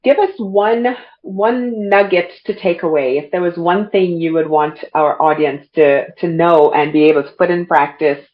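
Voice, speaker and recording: A woman's voice: fairly low pitch, normal speed, hardly any pauses. A woman hosting a podcast interview in an affirming way, heard with a dull lo-fi sound. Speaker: podcast host.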